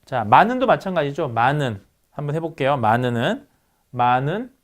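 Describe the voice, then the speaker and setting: Guy lecturing phonetics, pitch jumps all over, quizzes the class then answers himself. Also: sing-song, normal speed. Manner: instructive, poses questions to students then answers them. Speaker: university lecturer.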